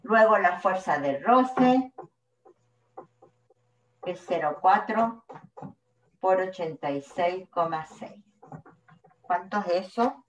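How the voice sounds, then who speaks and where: Lecturing at the board, a Chilean-accented woman walks a class through physics patiently, one step at a time. She speaks slowly in a lowish, animated voice and pauses often. The sound is dull and echoey from a distant mic, with a little hiss or hum.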